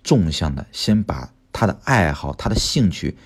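A man, a drawing teacher and host, giving casual advice to parents and telling animated stories full of interjections. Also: low-pitched, normal speed, slightly rough. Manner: animated storytelling with frequent interjections.

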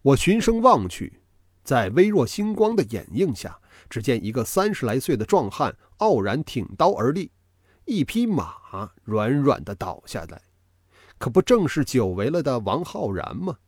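A man narrating a novel as an audiobook reader, telling the story with dramatic, expressive delivery. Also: medium pitch, moderate pace, no echo, clean studio sound.

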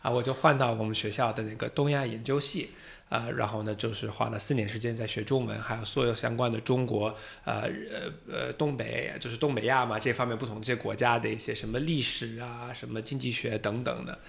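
A man's voice: mid-range voice, fairly even intonation, fairly quick, vocal fry, fairly bright tone. A man from the United States, a native English speaker with an American accent, chatting as a podcast guest. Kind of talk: casual interview talk.

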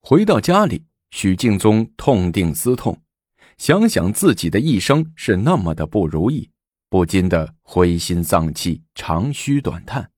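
A man telling a historical tale in a lively, dramatic traditional storytelling manner. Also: low voice, unhurried, slightly rough, no echo, studio quality.

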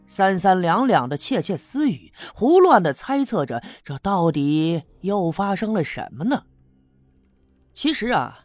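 A man tells a serialized story in a lively way. His pitch swings widely and his voice is slightly husky. Faint music plays behind him. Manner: animated, storytelling. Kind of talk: serialized audiobook narration.

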